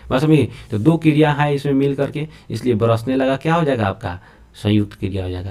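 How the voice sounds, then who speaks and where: A man teaching grammar, explaining lively and checking whether students follow. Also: mid-range voice. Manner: lively, repeatedly checks understanding with rhetorical questions. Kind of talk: classroom-style lesson explaining to students.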